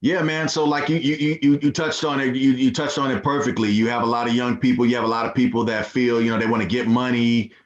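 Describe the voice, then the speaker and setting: A man's voice: medium pitch, quick pace, few pauses. Laid-back man, dull lo-fi sound. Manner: relaxed, laid-back, many fillers, says "man". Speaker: guest, nonprofit founder. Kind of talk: casual interview chat.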